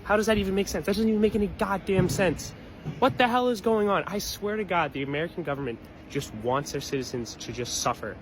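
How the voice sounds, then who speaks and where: A man's voice: high-pitched, fast talker, hardly any pauses, noisy background. A man in his twenties ranting angrily in a vlog, swearing often and stressing his words hard. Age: 20s. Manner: swearing, furious, emphatic. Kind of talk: angry vlog rant.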